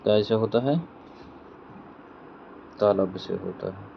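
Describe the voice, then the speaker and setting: Male teacher, exam-prep grammar lesson, repeats each question and answers it, slow deliberate delivery, somewhat low voice. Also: fairly even intonation, vocal fry. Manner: explains step by step, checking in with "theek hai". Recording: dull lo-fi sound with faint vehicle noise.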